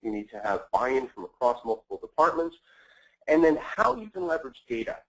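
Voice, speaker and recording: A man hosting and presenting a business webinar, speaking in a measured way with frequent filler words. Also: medium pitch, sing-song, a bit bright, poor audio. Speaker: webinar host.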